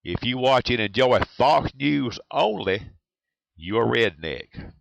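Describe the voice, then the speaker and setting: A man's voice: medium pitch, animated, slow, gravelly, no echo, poor audio. A man with a Southern US accent delivering a blunt, provocative scripted monologue as an aspiring talk radio host. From USA. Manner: blunt, provocative, list-like repetition.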